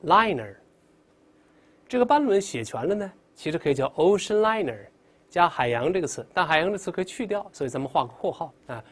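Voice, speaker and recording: A male English teacher giving a vocabulary lesson, calling out drill words and coaching pronunciation. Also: fairly high pitch.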